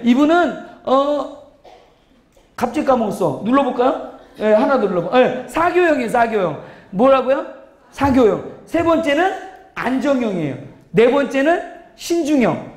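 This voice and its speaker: A man with a very high, bouncy voice delivers a seminar lecture in an echoey hall. He plays with his delivery, acting out little scenes in funny voices as he teaches. The sound carries the ring of a large room. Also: very animated, measured pace. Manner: playful, acts out examples in funny voices, laughs often. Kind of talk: lively church seminar lecture.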